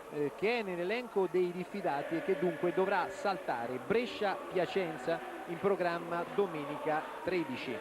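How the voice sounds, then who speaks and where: A man giving live play-by-play football commentary as a match commentator. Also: sits high. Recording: loud outdoor stadium noise. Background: loud outdoor stadium ambience.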